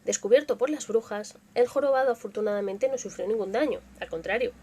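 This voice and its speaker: A young woman with a Spanish accent from Spain reads tales aloud on her live stream. Her voice sits a little high and she tells the stories softly and with feeling, sometimes dropping to a whisper. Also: quick pace, a little hiss or hum. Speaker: ASMR channel host reading stories on a live stream. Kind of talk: dramatic story reading with casual chat.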